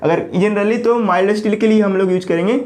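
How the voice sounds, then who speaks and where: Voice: mid-range voice, steady tone, fairly quick, darkish tone. Engineering lecturer. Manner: asks questions and answers them himself, repeats key terms; keeps checking in with the listener. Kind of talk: classroom lecture.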